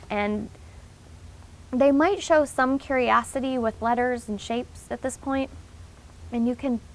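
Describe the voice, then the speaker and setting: High, creaky-voiced woman giving encouraging advice. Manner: encouraging, explanatory. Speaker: instructor giving reading advice to parents. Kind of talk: informal instructional talk.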